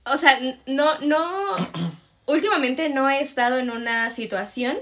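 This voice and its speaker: A woman's voice: high-pitched, a little slow, a bit bright. A woman in a casual chat, giving short reactions and laughing along.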